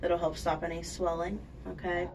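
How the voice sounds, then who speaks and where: A woman's voice: fairly low pitch, little pitch movement, moderate pace. A woman on dental surgery staff informally going over aftercare instructions step by step, often checking in as she explains. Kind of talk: informal spoken patient instructions. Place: indoors at a clinic. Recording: distant microphone, faint room noise.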